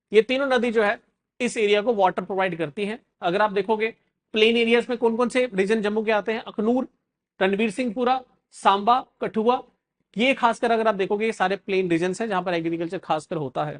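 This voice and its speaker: A man teaching an exam-prep geography class, calling his viewers guys, mixing in English phrases and quizzing them. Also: high voice.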